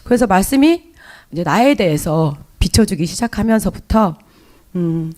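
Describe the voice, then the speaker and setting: A woman's voice: medium pitch, expressive, normal speed, warm tone. A woman with a Jeolla Korean accent giving an emotional, confessional testimony in church, hesitating and restarting often. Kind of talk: spoken personal testimony in church.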